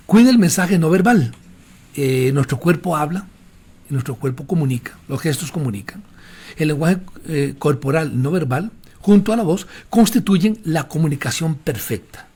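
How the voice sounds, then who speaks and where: Husky-voiced man coaching pastors on preaching. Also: a little high, darkish tone. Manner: didactic, gives direct advice with frequent fillers. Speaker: pastor giving a preaching workshop. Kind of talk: instructional lecture to pastors. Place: speaking while drinking water during a talk.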